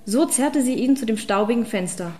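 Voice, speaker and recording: A woman reading a fantasy audiobook as narrator, in even, measured storytelling. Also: fairly high pitch. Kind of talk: scripted narration.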